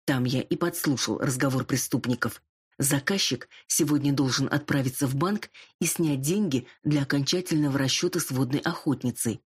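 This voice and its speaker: A man's voice: mid-range voice, normal speed, breathy edge, lightly acted. A woman reading the part of a nervous aging male singer who is a fox, talking in pleading, reluctant confessions. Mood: confiding.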